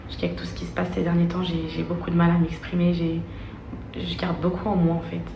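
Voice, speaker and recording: A young woman reading a personal statement to her followers as an earnest, halting apology. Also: fairly low pitch, monotone, gravelly, muffled recording. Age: young adult. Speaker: social media influencer. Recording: noisy, very echoey, distant microphone.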